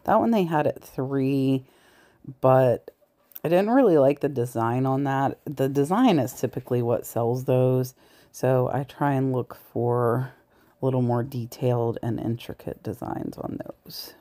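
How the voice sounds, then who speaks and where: Talking casually to her audience as she browses a large indoor thrift store, this reseller vlogger has a very deep, mellow, unhurried voice. She's chatty, occasionally sinking to a whisper, in shop-with-me style narration. A body-worn camera mic captures it all from her point of view.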